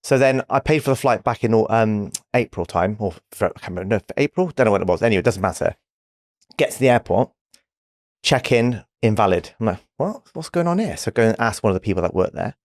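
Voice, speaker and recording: Animated man telling a story. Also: fairly low pitch, fast talker, dry recording, clean studio sound. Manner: animated storyteller acting out both sides of dialogue. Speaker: podcast co-host. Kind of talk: casual chat.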